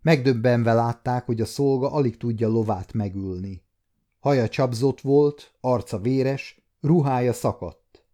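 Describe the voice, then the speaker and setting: A man in his fifties reading a historical novel aloud as an audiobook narrator, steady and measured. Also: medium pitch. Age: 50s.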